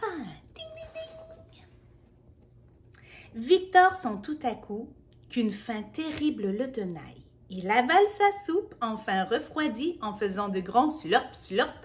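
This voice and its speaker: A woman reads a picture book aloud to a little one, gentle and playful. Her voice is high and lively, rising and falling a lot, and she reads slowly. Now and then she drops into soft, whispered asides. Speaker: children's storyteller.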